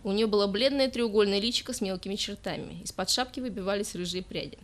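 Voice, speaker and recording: A woman reading a first-person story aloud with a medium-pitched voice. Her delivery is calm and even with a slightly wry edge, paced like a steady audiobook narration. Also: quick pace.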